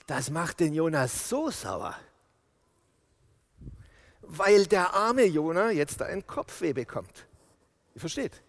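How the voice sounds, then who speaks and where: A man preaching a sermon, telling the story with lively sound effects and acted-out lines. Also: fairly high pitch, slow, long pauses. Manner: animated storytelling, acts out quotes. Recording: long reverb of a large hall.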